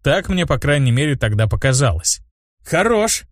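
A male narrator reads a first-person fantasy audiobook. His delivery is lively and expressive, with pitch that moves widely. The sound is dry and close, with no room around it. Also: moderate pace, no echo.

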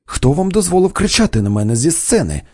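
A man voicing a hot-tempered, pompous stout theatre producer who blusters and shouts in an audiobook. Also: a little high, sing-song, fairly quick, slightly rough, no echo, studio quality. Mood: furious.

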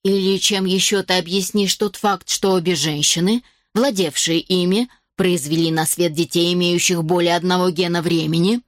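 A woman voicing a cold, haughty elderly female villain who speaks slowly and menacingly, in an audiobook. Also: on the low side, steady tone, dry recording, clean studio sound, close to an everyday voice. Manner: slow, menacing, hissing.

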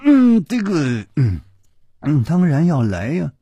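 一位男性说书人演绎一个慌张尴尬的年轻男剑客，说话结巴，语气犹豫。. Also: male voice, on the high side, huge pitch swings, slow, warm tone, breathy edge, no echo, full character voice. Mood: stammering. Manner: stammering, nervous, awkward laughing. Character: charming young male swordsman, flustered. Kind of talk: storytelling character voice.

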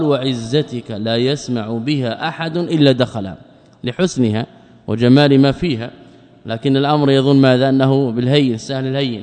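A man's voice: medium pitch, a little mellow, in a large hall. A man, a sheikh, explaining a creed text in a lesson and often putting rhetorical questions to his students.

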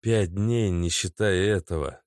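A man's voice: low voice, a little slow, a little mellow, no echo, clean studio sound. A man voicing a nervous young boyfriend who earnestly pleads to be believed. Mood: pleading.

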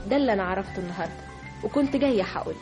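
An actress playing a frank young woman friend who urges calm, in an old radio drama. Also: mid-range voice, rapid-fire, lightly acted. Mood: firm. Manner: firm, urging calm. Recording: radio drama with music behind.

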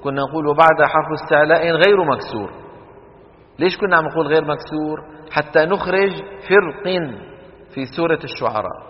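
Man teaching tajweed in an echoing hall. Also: fairly high pitch. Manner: quizzes students with quick questions, chants Quran examples slowly. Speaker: Quran recitation teacher. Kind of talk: classroom lesson on tajweed rules. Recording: dull lo-fi recording with long hall reverb.

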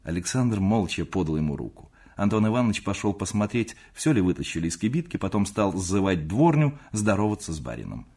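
A man narrating a classic novel as an audiobook, expressive storytelling. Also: sits low, brisk, hardly any pauses, breathy edge. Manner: expressive storytelling, acting out the characters.

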